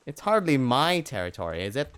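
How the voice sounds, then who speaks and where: A man playing a visual novel and reading its narration aloud, playful and jokey. His voice rises and falls a lot as he reads, at a middle pitch. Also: big pitch swings, fairly quick, clear, resonant tone. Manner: playful, jokey, breaks into loud yells. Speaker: let's play gamer.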